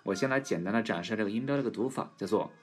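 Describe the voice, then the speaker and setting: A man teaching English pronunciation in a casual lesson, stretching model words slowly and clearly. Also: fairly low pitch, soft background music. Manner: slow drawn-out model words.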